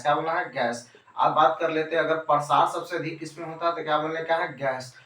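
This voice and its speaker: A man's voice: a little high, bright, forceful tone, slight background noise. A male chemistry teacher giving a coaching class lecture, who keeps repeating key terms as questions and answering them himself. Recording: echoey room, voice from a distance, faint ambience.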